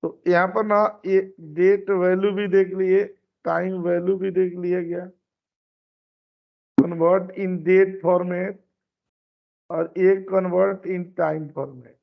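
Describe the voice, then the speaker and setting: High, gravelly male instructor. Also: little pitch movement, drawn-out words. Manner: explains step by step, repeats phrases. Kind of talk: online class lecture. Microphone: computer mic on a video call. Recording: dull lo-fi meeting recording.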